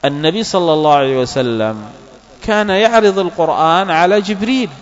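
A man teaching Quran recitation in a slow, deliberate religious lesson, stressing each letter as he corrects pronunciation. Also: a little high, expressive. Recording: dull lo-fi sound with long reverb and hum.

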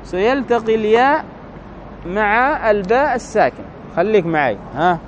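A man's voice: sits high, expressive, slight background noise. A man teaching Arabic grammar, explaining step by step and often checking with the listener whether it is right. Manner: slow, deliberate, keeps asking the listener "right?" to check understanding. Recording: dull lo-fi recording.

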